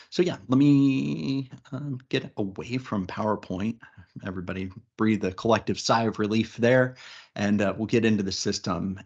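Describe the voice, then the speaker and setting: A man leading a software webinar, chatty and upbeat, with many fillers and restarts. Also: on the low side, lo-fi sound. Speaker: webinar presenter, recruiting practice lead. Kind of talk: casual business webinar presentation.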